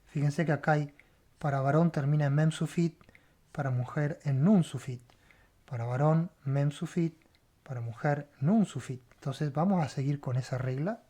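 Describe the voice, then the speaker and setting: A warm, mid-range voice at a moderate pace belongs to a Hebrew teacher giving a word-by-word Bible language lesson. After each step of spelling out letters and repeating sounds, the teacher checks in with a questioning "right?"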